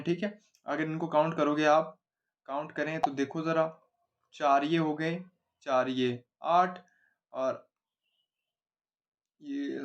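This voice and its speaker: With a voice on the high side, a man teaches grammar at a board for exam prep, keeping his explanations simple. He repeatedly asks questions and answers them himself, often adding 'है ना?'. A little hiss or hum sits in the recording.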